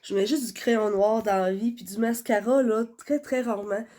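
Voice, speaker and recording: A young woman with a Quebec French accent vlogs casually to her phone camera while stuffed up from a cold, chatting and rambling with lots of fillers. Her voice is on the high side with fairly even intonation, normal speed, and a dark tone.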